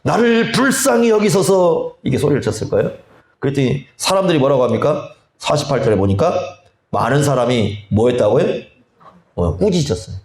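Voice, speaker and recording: A male pastor preaching a sermon, slow and deliberate, often asking the congregation rhetorical questions. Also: mid-range voice, animated, darkish tone. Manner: slow, deliberate delivery with drawn-out phrases. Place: church sanctuary. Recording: echoey church hall.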